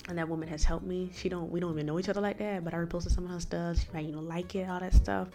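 On her casual faith podcast, a woman host talks very fast in a low, dark voice, chatty and rambling, often turning to address the listener directly. Her intonation stays fairly even, a new retainer gives her a slight lisp, and faint music plays in the background.

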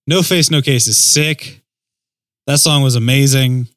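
A man's voice: medium pitch, measured pace, a bit bright, dry recording. A man chatting casually as a music podcast co-host, agreeable and slangy. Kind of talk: casual chat.

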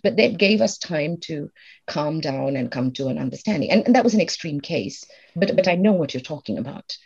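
A middle-aged woman calmly explaining advice step by step, mixing in stories from her own life. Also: deep voice, fairly quick, gravelly, breathy edge, lo-fi sound. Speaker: guest expert on emotional intelligence. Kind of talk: conversational advice in an interview.

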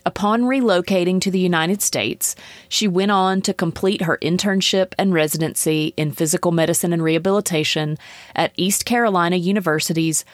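A woman's voice: lowish voice, no room sound. A woman hosting an interview podcast, speaking in an earnest, encouraging way. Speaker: podcast host. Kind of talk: interview host, reading an introduction.

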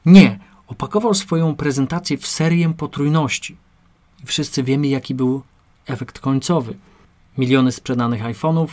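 A man reads a lesson on rhetoric aloud as scripted audiobook narration. His pitch sits in the middle of the usual male range, and his delivery stays measured and explanatory.

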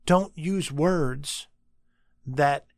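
A man voicing a passionate male English professor of about fifty who proclaims loudly and slowly. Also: fairly high pitch, vocal fry, no room sound, clean studio sound, pitched above the performer's own voice, exaggerated voice. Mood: emphatic. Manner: loud, emphatic, drawn-out proclamations.

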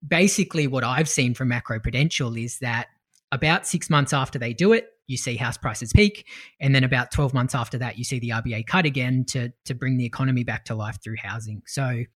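A man's voice: mid-range voice, a little fast, a bit bright. A man co-hosting a podcast, explaining markets in a conversational, analytical way. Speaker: podcast co-host.

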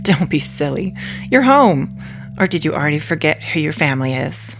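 A man's voice: a little high, big pitch swings, normal speed, creaky, over music, voice pushed up. A man voicing a sweetly eerie mother figure. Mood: sweetly teasing. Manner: sweet, teasing, coolly insistent. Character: smug eerie woman claiming to be mother.

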